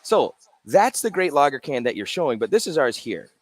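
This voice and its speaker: A man's voice: medium pitch, big pitch swings, fairly quick, no room sound. Chatty man showing off beer cans, dry sound. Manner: explains while showing cans, loose and chatty. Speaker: brewery co-founder, guest. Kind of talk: casual interview chat. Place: brewery in a Japanese spa town.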